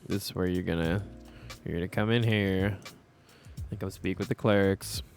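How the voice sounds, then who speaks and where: A man's voice: deep voice, steady tone, moderate pace. A man giving casual commentary while building in a game, thinking aloud and rambling, bothered by hiccups. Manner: rambling, thinks aloud, repeats things to himself. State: hiccuping and burping. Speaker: Minecraft builder narrating his build. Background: soft background music.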